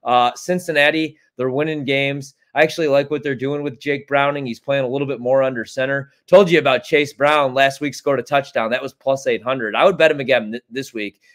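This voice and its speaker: Calling in by video from his home kitchen, this American guest betting analyst in his thirties talks a little fast with few pauses, his mid-range voice fairly even. He rambles bluntly and casually on the sports betting podcast, swearing a lot.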